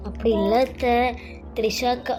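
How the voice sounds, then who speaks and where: A woman voicing a gentle young pregnant daughter-in-law who pleads tearfully. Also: on the high side, steady tone, moderate pace, over music, natural voice. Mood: pleading.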